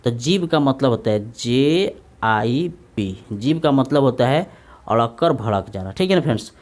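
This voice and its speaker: A man's voice: mid-range voice, expressive, a little mellow. Man teaching English grammar in Hindi. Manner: repeats tag questions to students; dictates English sentences slowly.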